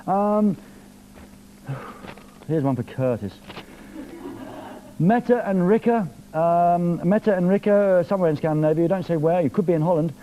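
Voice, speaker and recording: A man's voice: sits high, measured pace, pauses often, highs cut off, slight background noise. A man hosting a live television music show from a studio, reading viewer messages in a jokey, teasing, playful way.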